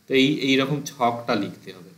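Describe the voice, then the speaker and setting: A man's voice: medium pitch, expressive, fairly quick, fairly bright tone, reverberant. A man teaching a grammar class for exam preparation, patiently explaining step by step and reciting verb forms as drills.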